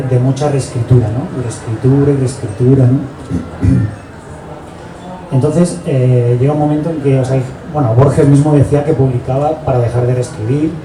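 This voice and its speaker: Reflective man from Spain, echoey hall. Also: mid-range voice. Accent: Spanish from Spain. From Barcelona, Spain. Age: 40s. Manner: reflective, halting, tags sentences with "¿no?". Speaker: author presenting his book. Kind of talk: book presentation talk. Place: book fair hall. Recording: echoey hall, distant mic, background noise.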